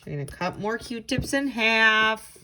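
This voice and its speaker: Over heavy background noise, a woman with a fairly high, animated voice talks at a slow pace. She's a tutor running a children's read-aloud craft, offering simple, encouraging step-by-step directions.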